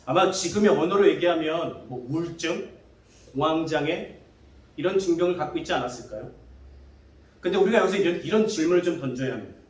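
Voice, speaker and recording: A man's voice: fairly high pitch, lively intonation, quick pace, long pauses. A male pastor preaching a sermon, asking the congregation questions and acting out what scoffing neighbors might have said. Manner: asks the congregation questions, acts out neighbors' taunts. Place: church sanctuary. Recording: echoey church hall from far off.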